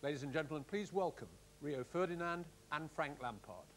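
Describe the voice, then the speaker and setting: A middle-aged man hosting a televised cup draw, speaking in a measured, courteous, official way. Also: on the high side, lively intonation, fairly bright tone, a little hiss or hum. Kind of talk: formal live announcement. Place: studio-style hall set with audience.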